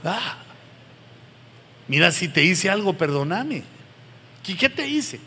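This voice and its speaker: A middle-aged man preaching to pastors, earnest and pleading, with sudden loud emphatic rises. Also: high-pitched, big pitch swings, slow, breathy edge. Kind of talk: sermon to pastors. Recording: long hall reverb, faint background noise.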